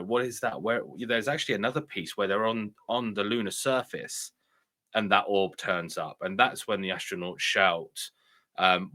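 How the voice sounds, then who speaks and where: A man hosting a video with casual, speculative commentary, often halting and repeating his phrases. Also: fairly low pitch, pushed and bright. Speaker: video host.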